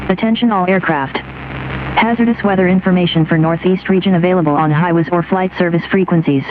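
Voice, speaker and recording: A recorded airport weather broadcast heard over aircraft radio, reading weather figures slowly and evenly. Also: medium pitch. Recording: tinny radio with faint hiss.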